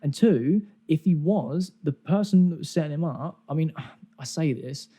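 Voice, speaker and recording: Mellow man hosting a podcast. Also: fairly high pitch, animated, moderate pace, slightly rough. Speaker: podcast host. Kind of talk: casual explanatory chat.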